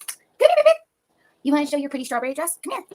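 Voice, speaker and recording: A woman streamer talking to her small dog in soft, sing-song, cooing baby talk. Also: high voice, wildly swooping pitch, rapid-fire.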